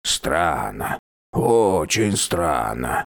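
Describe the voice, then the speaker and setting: An undead old king from an audiobook tomb, cheerful and curious, speaking in a low voice that rolls up and down with lively swings. He drags his words out slowly, as a man reading the story puts him on.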